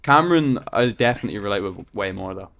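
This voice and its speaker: A man's voice: fairly low pitch, animated, fast talker, creaky, a bit bright. A man in his twenties, a podcast guest chatting casually, laid-back and laughing, trailing off with fillers. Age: 20s. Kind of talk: casual chat.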